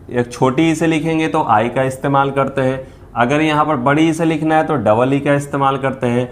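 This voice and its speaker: A man teaching a beginner lesson on the Hindi vowel signs, patiently repeating each sound and checking that students follow. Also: a little high.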